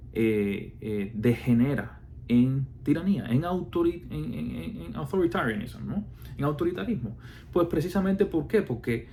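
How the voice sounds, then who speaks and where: A man from Cuba speaks with a Cuban Spanish accent in a relaxed, mellow, medium-pitched voice, casually explaining his views. He is hesitant, circling back often with many fillers, false starts and rhetorical questions, over faint background noise.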